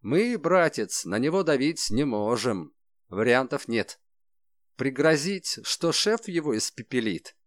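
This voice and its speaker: A man voicing a shrewd, calm detective who speaks in a measured, ironic way, in an audiobook. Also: mid-range voice, no echo, clean studio sound.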